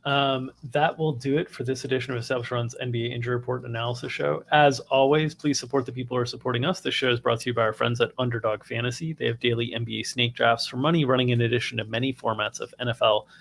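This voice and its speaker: A man's voice: mid-range voice, steady tone, fast, creaky, hardly any pauses, a bit bright. A man hosting a live sports betting stream, upbeat and practiced as he reads sponsor plugs. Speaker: host.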